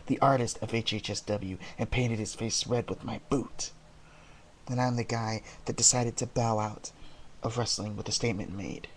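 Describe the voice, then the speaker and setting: A man's voice: mid-range voice, slight background noise. Man cutting a brooding, menacing wrestling promo. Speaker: amateur wrestler cutting a promo as a heel character.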